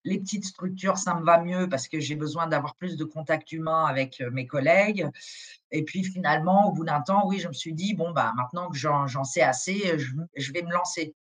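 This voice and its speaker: Low-pitched and brisk, a middle-aged woman speaks in a live interview as a guest. German is her first language, and the agency director's talk is colloquial and chatty, full of fillers and false starts.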